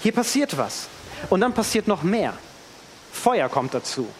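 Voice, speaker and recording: A preacher with a fairly high voice delivers a sermon in church, his pitch swinging widely as he animatedly tells the story and acts out the quotes. He speaks unhurriedly, a long reverb trails through the hall, and there's a little hiss or hum.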